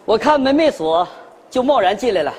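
An actor playing an earnest, theatrical young suitor, in a stage sketch. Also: male voice, very high voice, fairly quick, long reverb tail, a little hiss or hum. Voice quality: overly formal, dramatic, lively.

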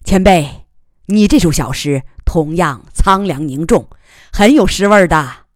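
A woman reading a storybook, voicing a cheerful friend who speaks in a lively, animated way, with a raised voice. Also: medium pitch, measured pace, no room sound, studio quality, lightly acted. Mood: cheerful, persuasive. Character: cheerful admiring friend, eager and persuasive.

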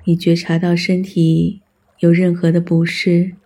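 A meditation guide giving scripted mindfulness instructions in a calm, soothing manner with long pauses between phrases. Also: mid-range voice, husky.

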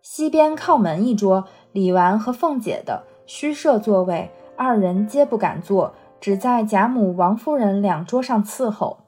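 A woman reading a classic novel aloud for a reading-club podcast, in a steady, even storytelling manner. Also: medium pitch, unhurried, few pauses, breathy edge, faint music behind. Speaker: reader.

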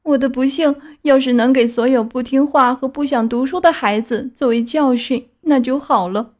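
Woman doing a high wailing donkey-puppet boy. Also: measured pace. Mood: resigned. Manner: high wailing braying cries. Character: wooden puppet boy turned donkey, miserable, braying. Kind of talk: children's storybook reading.

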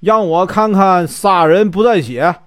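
A man's voice: high voice, measured pace, dry recording, studio quality. A man voicing a drunken, bullying street thug with a taunting, pushy way of talking.

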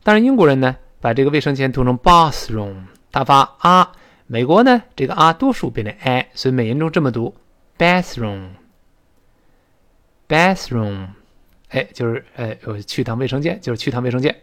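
A man teaching spoken English with a Chinese accent, explaining slowly and drilling words again and again. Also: medium pitch, expressive, fairly bright tone. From China.

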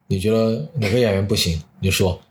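A man chatting casually as a comedian guest on a podcast, telling stories in an animated, colloquial, joking way. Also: lowish voice, brisk.

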